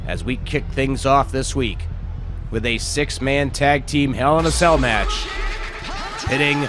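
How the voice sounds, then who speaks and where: A man hosting and commentating on a wrestling video game, chatty and improvised, with excited play-by-play. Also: mid-range voice, measured pace, music in the background. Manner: chatty, self-deprecating, improvised.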